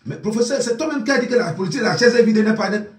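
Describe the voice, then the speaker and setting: A man voicing a shrill, agitated woman who scolds and shrieks loudly in a Cameroonian French accent, recorded from a distance in an echoing room. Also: expressive, rapid-fire. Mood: scolding. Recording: roomy echo, distant mic.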